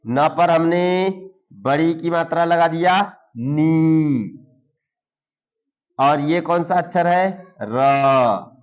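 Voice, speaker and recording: A man teaching beginners to read, sounding out syllables slowly and repeating each word for the learners. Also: fairly high pitch, fairly even intonation, smooth. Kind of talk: slow Hindi reading lesson for beginners. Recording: dull lo-fi recording.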